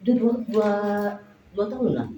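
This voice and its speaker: A woman's voice: mid-range voice, expressive, moderate pace, dark tone. A middle-aged woman giving a casual church testimony, retelling family stories with lots of quoted dialogue. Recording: echoey room with background noise.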